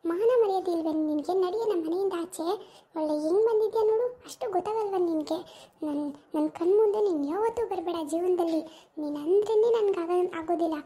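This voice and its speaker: A woman's voice: extremely high pitch, a little fast. A woman playing a jealous, hot-tempered wife. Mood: scornful. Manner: scornful, accusing, shouting insults. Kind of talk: amateur village drama acting.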